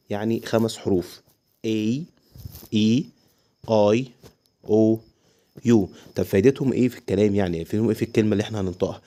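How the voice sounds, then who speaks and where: Egyptian male English teacher, low mellow voice, quick delivery, poses and answers his own questions, sounds out letters. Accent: Egyptian Arabic. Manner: explains step by step, asks and answers own questions. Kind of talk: home-learning lesson for parents.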